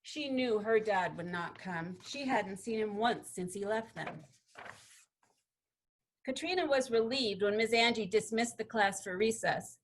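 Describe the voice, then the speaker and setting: A woman student reading a children's picture book aloud in an expressive, gently paced storytelling manner. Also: mid-range voice, measured pace. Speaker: student presenter.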